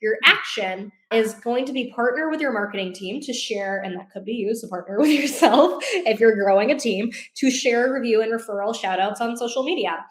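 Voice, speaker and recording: A woman's voice: fairly high pitch, expressive, moderate pace, hardly any pauses, roomy sound. A woman co-hosting a training podcast, talking conversationally and encouragingly, straight to her listeners. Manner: encouraging, directly addressing listeners. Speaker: co-host of a real estate business training podcast. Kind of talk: conversational instructional talk.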